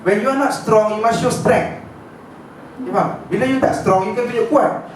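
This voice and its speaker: A man with a Malaysian accent giving an informal religious lecture to a class, telling the story with lively energy and often checking that his listeners follow. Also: high voice, moderate pace, crowd noise. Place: lecture room with an audience. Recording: echoey room, distant mic, background noise.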